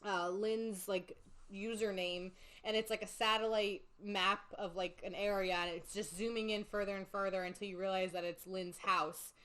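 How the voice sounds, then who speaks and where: A young woman hosting a podcast, retelling a film in casual, animated chat with lots of fillers. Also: medium pitch, normal speed, poor audio. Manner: chatty, animated storytelling with many fillers. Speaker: podcast host. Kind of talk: casual movie recap chat.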